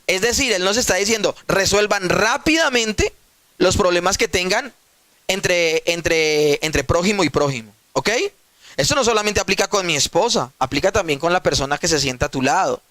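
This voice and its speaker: A man's voice: high-pitched, animated, normal speed, a bit bright, no echo. A male pastor preaching a sermon emphatically, putting rhetorical questions to his listeners and addressing them directly.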